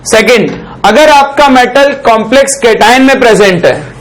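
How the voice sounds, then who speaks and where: Very high-pitched male chemistry teacher. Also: lively intonation, rough recording. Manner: asks the class a question and answers it himself; dictates slowly while writing on a board. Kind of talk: chemistry lesson.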